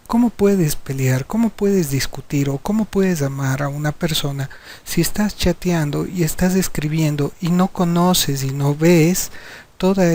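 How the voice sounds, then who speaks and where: A man's voice: a little high, darkish tone. A middle-aged man, a psychiatrist, giving a lecture on communication and acting out different tones of voice as examples. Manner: demonstrative, acts out tones of voice as examples. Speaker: psychiatrist teaching a hypnosis course.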